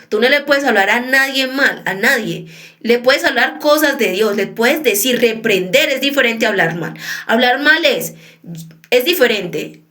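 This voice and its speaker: A woman's voice: fairly high pitch, fairly bright tone. A woman preacher giving a conversational sermon, often checking in with her listeners.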